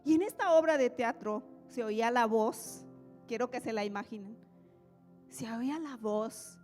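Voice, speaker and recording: A woman preacher giving an animated, dramatic sermon in a church. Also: on the high side, measured pace. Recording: echoey church hall, soft music.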